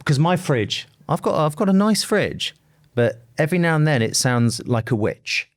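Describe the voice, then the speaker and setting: A man's voice: a little high, very animated, normal speed, no room sound, clean studio sound. A man hosting a podcast interview, casual and joking with his guest. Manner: jokey, playful, teasing. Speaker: podcast host.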